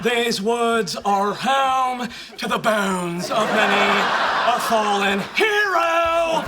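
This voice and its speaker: An actor playing an ominous storyteller in a loud, halting, drawn-out movie-star impression for a sitcom. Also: male voice, extremely high pitch, lively intonation, a loud crowd, heavy background noise, exaggerated voice. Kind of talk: sitcom acting. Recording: loud music over sitcom clip.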